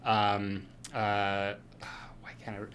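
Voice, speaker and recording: A man's voice: fairly low pitch, completely flat delivery, slow, a bit bright, slight background noise. A man co-hosting a podcast, talking through a film in casual chat, rambling with lots of fillers and restarts. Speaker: podcast co-host.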